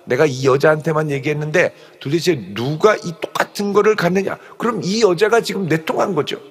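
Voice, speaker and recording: A man voicing a strong young man, smitten and rattled, who talks in a gruff, blustering way. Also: on the high side, fairly quick, in a large hall, soft background music. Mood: alarmed.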